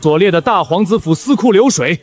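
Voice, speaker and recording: A man voicing a middle-aged court official in an animated drama, giving a formal, measured report. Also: high-pitched.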